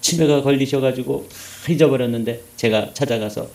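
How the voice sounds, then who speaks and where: A man preaching a sermon as a pastor, moving between loud emphasis and hushed asides while asking the congregation questions. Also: mid-range voice, brisk, echoey room. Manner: addresses congregation with rhetorical questions.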